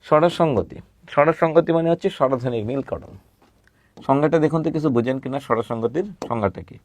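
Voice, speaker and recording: A man teaching a recorded grammar lesson, patiently repeating words slowly and asking questions he then answers himself. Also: medium pitch, darkish tone, slight background noise.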